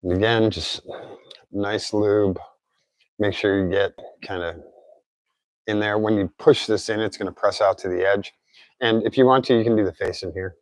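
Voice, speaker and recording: A man with a fairly low voice talks informally through a hands-on repair job, thinking out loud as he goes. His articulation is a little off, as if getting used to his mouth after dental surgery. The sound is very dry, with hardly any room in it. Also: steady tone, normal speed, pauses often, no room sound, poor audio. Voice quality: slightly off articulation after recent oral surgery. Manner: informal, thinking aloud while working. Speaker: DIY car repair presenter. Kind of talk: casual hands-on tutorial narration.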